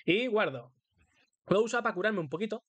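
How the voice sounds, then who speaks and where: A man's voice: high voice, lively intonation, a little fast, fairly bright tone, breathy edge, dry recording. Playful Spanish man streaming a game. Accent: Spain Spanish. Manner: playful, singsong, crude banter. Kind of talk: live gaming commentary.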